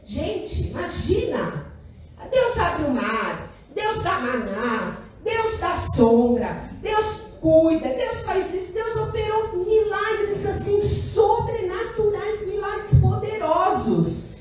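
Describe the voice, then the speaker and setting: High-voiced woman preaching in echoing church. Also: slow, a little hiss or hum. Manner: animated, asks the congregation "Amém?" often; emphatic repetition of short phrases. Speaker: pastor. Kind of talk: sermon. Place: church hall. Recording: echoey church room, distant mic.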